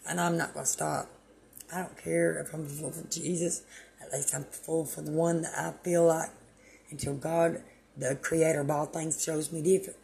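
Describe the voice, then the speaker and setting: Woman, low gravelly voice, very raspy, rambling preachy monologue. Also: darkish tone. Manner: preachy, meandering, self-deprecating. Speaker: channel host.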